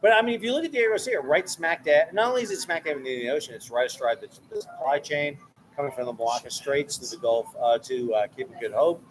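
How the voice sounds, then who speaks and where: A New York man, a military analyst who hosts a channel, talks casually and opinionatedly in a bar, often repeating words as he thinks. His voice is fairly high and quick. The rough recording picks up slight background noise and the bar's ambient sound.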